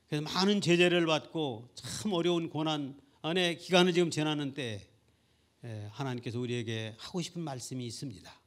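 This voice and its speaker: Earnest male pastor preaching. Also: a little high. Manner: earnest storytelling, building to loud fervent peaks. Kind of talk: sermon. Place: church sanctuary during Sunday service.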